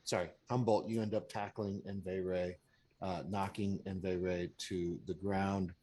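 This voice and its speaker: A man running a tabletop game over a voice call, his voice sitting fairly low. He talks in a hesitant way, with plenty of fillers as he hands out turns and rulings. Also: little pitch movement, a little slow, a little mellow. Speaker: game master.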